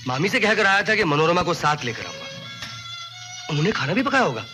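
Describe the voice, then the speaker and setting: A man's voice: sits high, sing-song, brisk. An actor playing a tender, stubborn young man who pleads with and teases a grieving woman, in 1980s Hindi film style. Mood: coaxing. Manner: pleading then coaxing and teasing. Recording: film soundtrack with music beneath.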